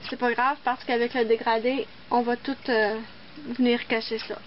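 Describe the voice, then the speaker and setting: A woman's voice: on the high side, little pitch movement, normal speed, muffled recording, a little hiss or hum. A woman hosting a casual nail art tutorial, chatting and explaining each step as she works. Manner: chatty, explains while working.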